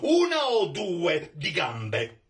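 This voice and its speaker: A man's voice: sits high, wildly swooping pitch, drawn-out words, slightly rough, pitched above the performer's own voice, full character voice. A man reading a story aloud and voicing a proud, hot-tempered nobleman who threatens and mocks his servant. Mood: mocking. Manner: threatening, then mocking and laughing. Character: angry, proud male nobleman, a cook's master.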